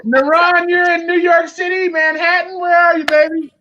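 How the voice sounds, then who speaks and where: A host of a casual live chat show, loud and laughing, calling out to guests. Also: very high voice, fairly even intonation, normal speed, lo-fi sound. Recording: loud background noise.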